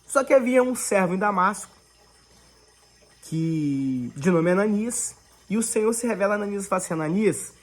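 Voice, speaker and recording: Husky Brazilian woman preaching fervently. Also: mid-range voice, animated, moderate pace. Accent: Brazilian Portuguese. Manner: fervent, addresses listeners as brothers, swings between loud and hushed. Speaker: devotional preacher. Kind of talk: online Bible devotional preaching.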